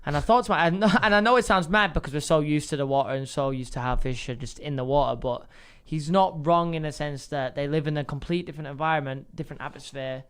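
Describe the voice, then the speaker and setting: Smooth-voiced English man musing aloud. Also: on the high side, fast talker, few pauses. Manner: animated storyteller, musing aloud. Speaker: podcast co-host. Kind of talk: casual chat.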